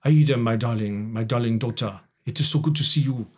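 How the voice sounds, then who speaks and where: A man's voice: mid-range voice, fairly quick, darkish tone, slightly rough, close to an everyday voice. A man playing a fond stage father. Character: a stage father greeting his daughter.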